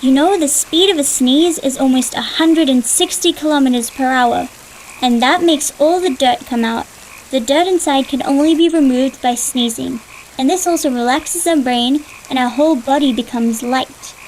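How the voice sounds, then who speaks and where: A woman's voice: high voice, normal speed, slight background noise, natural voice, low-quality recording. A woman voicing an older sister in a dubbed cartoon, patiently explaining things to her little brother. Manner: explaining, gently teaching, a little impatient.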